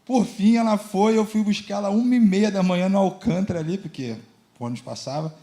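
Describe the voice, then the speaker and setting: A man's voice: sits high, fairly quick, mellow. A man with a Brazilian accent telling his personal testimony at a church service, in plain storytelling style. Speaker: church member giving testimony. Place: church service before a congregation.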